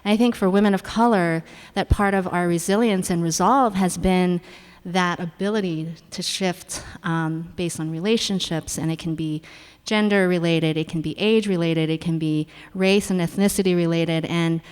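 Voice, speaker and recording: A woman's voice: fairly low pitch, steady tone, moderate pace, hardly any pauses, a little mellow, clear, resonant tone. A woman psychologist speaking thoughtfully and reflectively on a panel, with some fillers. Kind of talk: panel discussion talk. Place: university lecture hall. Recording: long hall reverb.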